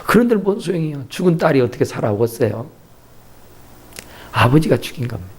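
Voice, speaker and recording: A man's voice: fairly high pitch, brisk, husky. A man preaching a sermon, telling stories animatedly and acting out voices. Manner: animated storytelling with acted-out voices. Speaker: pastor. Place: church sanctuary.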